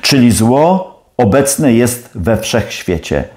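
A man's voice: medium pitch, very animated, takes it slowly, darkish tone. A man playing a stern older professor who presses his questions in a challenging, probing way.

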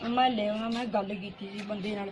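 A man's voice: sits high, fairly even intonation, fast talker, noisy background, close to an everyday voice. A man playing a brash young college son. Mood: reassuring. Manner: brash, reassuring. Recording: echoey room.

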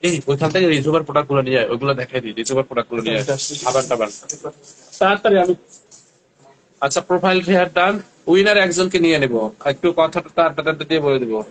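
A man's voice: a little high, quick pace, rough recording. A young man from Barishal, Bangladesh, casually hosting a live sales stream and chatting straight to viewers with many fillers. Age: young adult. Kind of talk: casual livestream selling.

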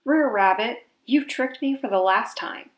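A woman's voice: fairly high pitch, a little slow, lightly acted. A woman voicing a greedy, easily fooled male fox in an emphatic trickster tale character voice for a storybook puppet show. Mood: scornful. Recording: slightly echoey room.

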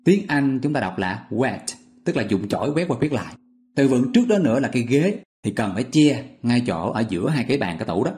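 Male teacher, mid-pitched, patient and repetitive, walks learners through each word. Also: sing-song, brisk, darkish tone. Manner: patient, repetitive, asks listeners questions. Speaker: English vocabulary teacher. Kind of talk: explaining memory tricks step by step.

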